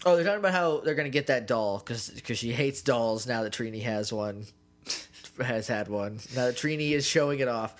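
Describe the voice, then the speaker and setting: A man's voice: mid-range voice, normal speed. A man co-hosting a podcast, recapping an episode in casual, rambling chat and joking as he goes. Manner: rambling, joking, acts out bits. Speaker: podcast co-host.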